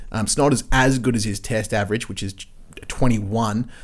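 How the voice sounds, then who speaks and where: A man's voice: lowish voice, fairly even intonation, moderate pace. A man co-hosting a casual sports chat, talking in a laid-back, slangy, matey way. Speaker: sports podcast co-host.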